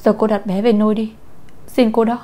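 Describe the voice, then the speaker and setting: A woman voicing a bossy middle-aged housemaid who talks in brisk, urging commands. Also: fairly high pitch, level tone, dark tone, close to an everyday voice. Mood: urgent.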